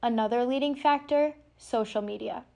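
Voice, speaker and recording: Young female student reporter, slightly high voice, scripted news narration. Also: normal speed, vocal fry, warm tone. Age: young adult.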